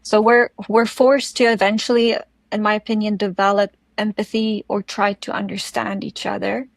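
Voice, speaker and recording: Woman, Afrikaans South African accent, native Afrikaans speaker, fairly even intonation, gravelly fry, reflective interview talk, searching for words. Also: mid-range voice, no room sound. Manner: thoughtful, halting, searching for words. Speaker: podcast guest.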